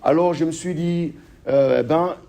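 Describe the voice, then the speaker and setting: His voice sounds somewhat high and gravelly, and he speaks a bit slowly: a police officer from Congo, French as his first language, interviewed as a guest author. Hesitant at first, he keeps restarting and using fillers, yet becomes increasingly animated.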